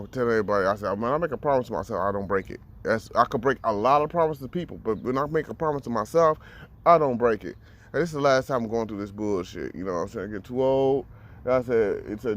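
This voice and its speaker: A vlogger in his thirties, with a lowish voice, talks bluntly and profanely in a casual monologue. He often repeats words while gathering his thoughts.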